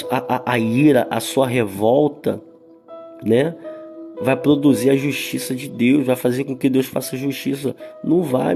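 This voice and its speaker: A man's voice: medium pitch, creaky. A man with a Brazilian Portuguese accent, a pastor preaching emphatically on a live stream, calling listeners sister and brother, then leading a prayer. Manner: acts out quoted complainers in raised voice.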